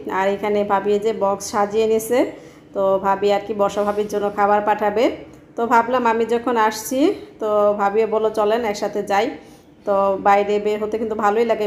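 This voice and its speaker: A woman's voice: medium pitch, a little mellow, echoey room, slight background noise. A woman vlogging casually, chatting with a friend and narrating to her viewers. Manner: chatty, explains to viewers while cooking. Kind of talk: casual vlog narration and chat. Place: apartment home.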